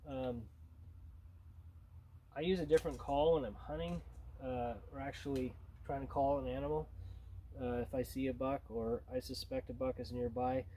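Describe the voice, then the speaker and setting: A man's voice: medium pitch, steady tone, normal speed, warm tone, slight background noise. A man gives an informal tutorial as a hunting instructor, in a plain-spoken, conversational way.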